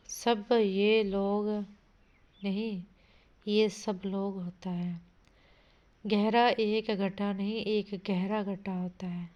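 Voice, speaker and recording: A woman teaching an exam-prep grammar lesson. She reads out sentences, asks what a word means, corrects it, and calls her listeners "bhai". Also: mid-range voice. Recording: dull lo-fi audio.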